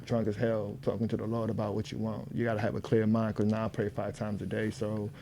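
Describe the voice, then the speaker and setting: A young man from Senegal talks as a guest on a casual talk show. His easygoing delivery is quick, and he keeps checking in with "you know what I mean". Faint ambience hangs behind him. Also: fairly low pitch, completely flat delivery, vocal fry, mellow, slight background noise. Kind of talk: casual chat.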